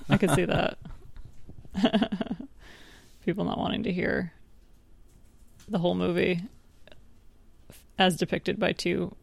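A woman's voice: on the low side, fairly even intonation, slow, creaky, pauses often. A woman co-hosting a podcast, rambling and playful in casual chat. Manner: rambling, playful, laughs easily. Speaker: podcast co-host.

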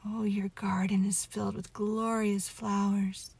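A woman softly leading a guided meditation story in a hushed, soothing half-whisper, intimate as if right by your ear. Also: mid-range voice, level tone, dry recording. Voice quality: soft, breathy, half-whispered. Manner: gentle, drawn-out delivery.

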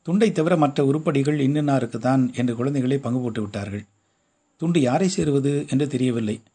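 A man reads a short story aloud, keeping a steady storytelling pace. His voice is dark and mellow with a husky grain. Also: mid-range voice, fairly quick. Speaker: narrator.

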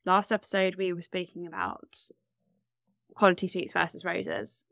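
A woman's voice: fairly low pitch, steady tone, normal speed, creaky, a bit bright, no room sound, studio quality. Upbeat woman leading a game. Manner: upbeat, leads the game, laughs often. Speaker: podcast co-host. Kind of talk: casual chat.

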